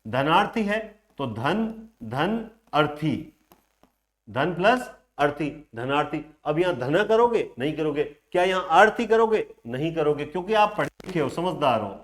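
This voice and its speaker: A man's voice: a little high, big pitch swings, a little slow. A man teaching a grammar class online, explaining step by step and answering his own questions aloud.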